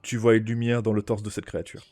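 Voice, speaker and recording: A man's voice: on the low side, little pitch movement, quick pace, darkish tone, no room sound. A man narrating a tabletop role-playing game as game master, informal, feeling for his words and throwing in little sound-effect words.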